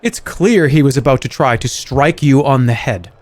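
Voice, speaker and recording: A man's voice: medium pitch, animated, normal speed, a little mellow, dry recording. A man reading game narration aloud on a livestream in a playful, theatrical way. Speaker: game streamer.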